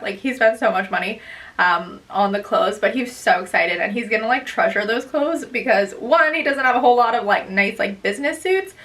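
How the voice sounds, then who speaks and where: A woman's voice: fairly high pitch, fairly bright tone, far from the mic, rough recording. A young woman vlogger chatting casually as she tells a story, bubbly and gushing, rambling on.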